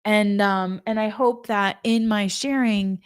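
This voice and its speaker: Smooth-voiced woman telling a heartfelt story. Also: mid-range voice, steady tone, slow, dry recording, clean studio sound. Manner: casual, emotional, chatty, addresses listeners as y'all. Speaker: spiritual energy coach. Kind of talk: heartfelt personal monologue.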